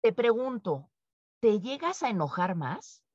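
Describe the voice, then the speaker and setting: Mexican woman presenting a lively webinar. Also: fairly high pitch, measured pace, slight background noise. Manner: lively, acts out quoted speech, frequent tag questions. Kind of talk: interactive webinar talk. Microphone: video call. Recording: dull, dry video-call audio.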